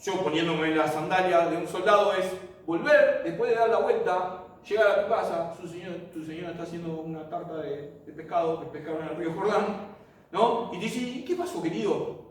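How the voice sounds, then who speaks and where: High-voiced man teaching in an echoey room. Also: a little fast. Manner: animated storytelling, rhetorical questions to the class. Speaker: Bible teacher. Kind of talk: classroom Bible lesson. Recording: echoey room, mic far off.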